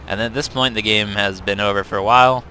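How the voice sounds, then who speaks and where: A young man speaks fast in a fairly low, steady voice, commenting casually on replays of his tank battles as a game reviewer. There's slight background noise and loud tank game sounds behind him, and he chats, self-corrects, and ums frequently.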